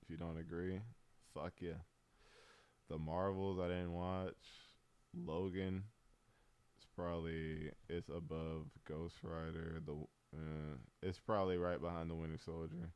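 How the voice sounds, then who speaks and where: Laid-back low-voiced male streamer. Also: flat delivery, a little slow, a little mellow, smooth. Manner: laid-back, rambling, frequent "um" and slang. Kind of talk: casual tier-list commentary.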